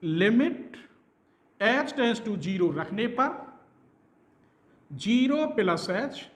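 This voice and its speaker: A man's voice: very high-pitched, roomy sound. A man teaching maths, working through a problem step by step and quizzing students with rhetorical questions. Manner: dictates step by step, slowly spelling out symbols. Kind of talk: classroom maths lecture.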